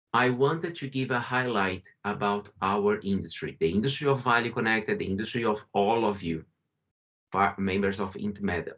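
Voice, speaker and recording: Speaking from a home or office on a remote call, this man from Brazil delivers a chatty webinar presentation in a Brazilian accent, often backtracking to fix what he said. His voice is lowish and slightly bright, picked up by a video call mic that leaves the sound muffled.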